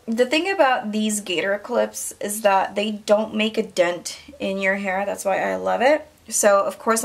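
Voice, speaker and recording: A chatty young woman talks through a casual hair tutorial on her camera mic at home. Her middle-pitched voice has a gravelly, creaky edge. She keeps calling her viewers "you guys". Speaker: beauty vlogger.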